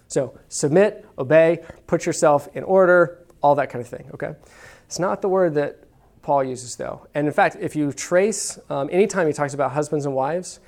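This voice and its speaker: A man's voice: a little high, darkish tone. A man preaching a sermon to a congregation in a casual, conversational way, often checking in with "okay?". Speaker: pastor. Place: church room with congregation.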